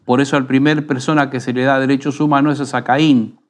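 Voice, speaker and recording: Argentine pastor teaching in an unhurried tone. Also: male voice, medium pitch, flat delivery. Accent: Rioplatense Spanish. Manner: unhurried, teaching tone with frequent rhetorical tag questions. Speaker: pastor and radio program host. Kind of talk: conversational preaching.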